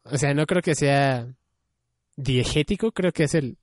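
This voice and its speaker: A man's voice: a little high, a little slow, no echo, studio quality. A young man chatting casually, musing and hedging with many fillers. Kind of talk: casual chat about anime.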